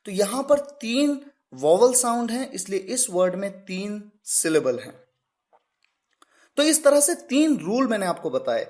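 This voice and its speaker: Lively-voiced male English tutor. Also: sits high. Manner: poses questions and answers them himself; spells words letter by letter. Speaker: English teacher. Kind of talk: grammar lesson.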